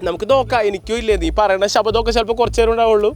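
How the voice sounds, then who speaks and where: A man with a high, fairly monotone voice races through hosting an ice sofa challenge video, playfully teasing and hyping the contestants with sung sound effects. Soft music plays in the background.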